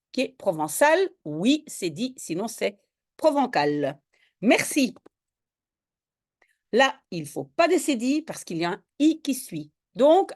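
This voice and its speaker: A woman's voice: medium pitch, darkish tone. A woman tutoring a student in French spelling, patiently explaining each word step by step. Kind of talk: one-on-one spelling lesson.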